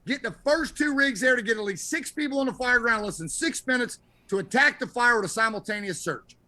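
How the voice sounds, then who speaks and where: Bright, high-pitched male fire instructor. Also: a little fast. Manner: emphatic, blunt, instructive. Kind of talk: training commentary over incident video.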